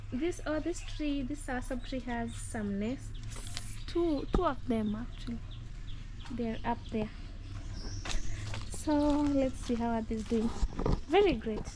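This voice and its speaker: Slow-talking woman touring her garden. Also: high-pitched. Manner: chatty, musing aloud, admiring. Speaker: vlogger. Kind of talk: casual garden walkthrough. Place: outdoor garden compound. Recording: outdoor noise, birdsong.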